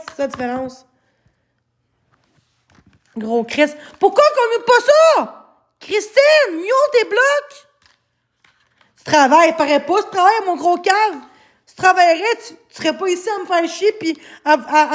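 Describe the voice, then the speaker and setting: A woman with a Québécois accent, streaming live and angrily scolding her chat, swearing often. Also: high voice. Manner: angry, swearing, scolding viewers. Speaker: livestreamer.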